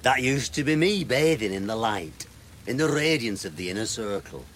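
An actor playing a self-pitying gardener, wistful and grandiloquent in a radio sitcom. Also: male voice, mid-range voice, animated, moderate pace, fairly bright tone, slight background noise, lightly acted. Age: 30s. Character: weary, self-pitying male gardener in his thirties, cast out by his boss.

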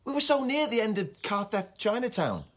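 An actor playing a defensive young driver in a radio sitcom, giving terse replies. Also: male voice, high-pitched, big pitch swings, moderate pace, dry recording. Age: young adult. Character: put-upon, defensive young male driver.

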